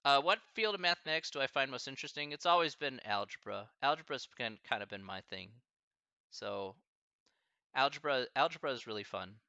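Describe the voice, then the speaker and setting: A math professor with a Midwestern American accent talks through student questions in an easygoing, chatty way. His voice is bright and forward. The audio is dry and dull, like a lo-fi stream. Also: mid-range voice, lively intonation, fairly quick, gravelly, clean tone, no echo. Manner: chatty, easygoing, thinks aloud. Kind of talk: casual live Q&A with students.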